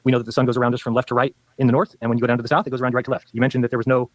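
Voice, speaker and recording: Debater: man, very fast insistent delivery, mid pitch, dry sound. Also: level tone, no echo, poor audio. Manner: rapid, insistent, lecturing. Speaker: debater in a played debate video. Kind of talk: debate argument.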